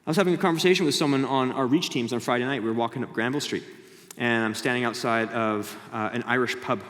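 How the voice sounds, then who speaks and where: A man's voice: medium pitch, fast, in a large hall. A male pastor with a Canadian accent, preaching a conversational sermon and now and then acting out mocking voices. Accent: Canadian English. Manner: conversational, acts out mocking voices with sudden loud jumps.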